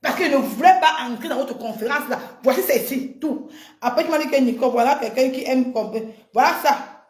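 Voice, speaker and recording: Heated high-voiced woman ranting on a livestream. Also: brisk, a little mellow. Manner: heated, confrontational, repeats herself. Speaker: live streamer. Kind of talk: livestream rant. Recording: echoey room.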